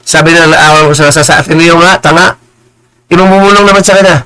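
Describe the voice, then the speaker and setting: This heated live-stream rant comes from a man whose voice sits on the high side, pushed, bright and smooth, with fairly even intonation, though the audio is poor. Combative and insulting, he stammers, repeats words, and mixes in slow, preachy phrases in English.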